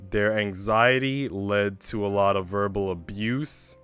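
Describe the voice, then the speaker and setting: Hosting a livestream over background music, this man chats casually and candidly with his viewers, swearing now and then. His voice is fairly low and unhurried, with a fairly bright, clear, resonant tone.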